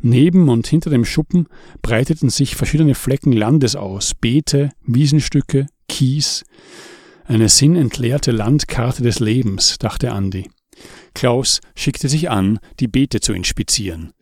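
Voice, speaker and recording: A man narrating an audiobook in a calm, measured way. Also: mid-range voice, no room sound, clean studio sound.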